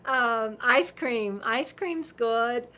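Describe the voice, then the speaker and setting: Here the livestream host, a woman in her fifties, speaks very slowly in a high, bright and forceful voice. She reads viewer comments, rambles and chats, laughs a lot, repeats words, and is losing her voice.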